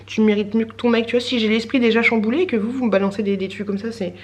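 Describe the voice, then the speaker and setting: A woman's voice: on the high side, steady tone, fast talker. A woman vlogger in her thirties, chatting casually to camera in a rambling way with lots of fillers and little laughs.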